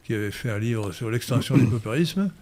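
A man's voice: medium pitch, lively intonation, brisk, darkish tone, a little hiss or hum. A man giving long political explanations in a discussion, lecturing with frequent hesitations and emphatic stresses. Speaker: guest commentator.

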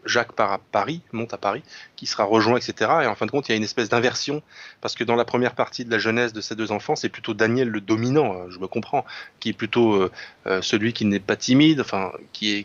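A man's voice: fairly low pitch, fairly bright tone, muffled recording. A man talking casually about a novel, hesitant, with frequent restarts and fillers. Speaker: radio show guest discussing literature.

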